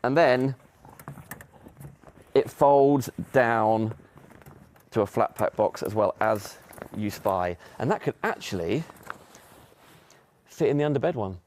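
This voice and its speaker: A man's voice: mid-range voice, slow, pauses often, darkish tone, a little hiss or hum. A British man presenting a live shopping show in chatty, upbeat sales patter, a little out of breath. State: slightly out of breath.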